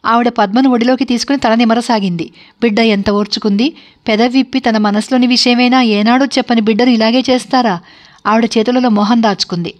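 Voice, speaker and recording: A woman narrating a family story for an online video in a calm, steady manner. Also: fairly high pitch, a little fast.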